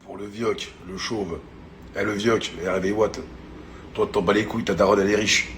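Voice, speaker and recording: Man, low voice, mocking and crude, faint hiss behind, casual story rant. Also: level tone, moderate pace, fairly bright tone. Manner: mocking, insulting, slangy. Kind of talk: taunting social media story rant.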